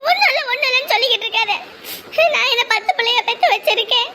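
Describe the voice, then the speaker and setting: A fretful village mother in a cartoon, shrill and sky-high, who frets over money and then turns fierce. She laments and scolds in broad rural speech. A faint hiss sits under her voice. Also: animated, very fast, pushed and bright, full character voice. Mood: pleading.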